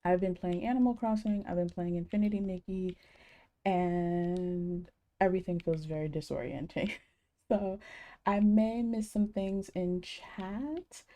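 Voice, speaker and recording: A woman's voice: medium pitch, mellow. A young adult woman streaming a game and chatting casually with her viewers, rambling with many ums and greetings.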